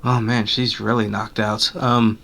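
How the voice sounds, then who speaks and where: A man's voice: lowish voice, flat delivery, a little slow, vocal fry, fairly bright tone. A man playing a tabletop game with friends, casual and chatty. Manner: speaks in character in quotes. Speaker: player.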